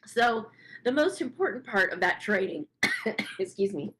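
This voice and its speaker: Hoarse woman speaking on a webinar. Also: mid-range voice, animated, a little slow, background noise. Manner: earnest, with many fillers. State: hoarse, losing her voice. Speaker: faculty speaker at student welcome session. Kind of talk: welcome address on a webinar. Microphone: video call.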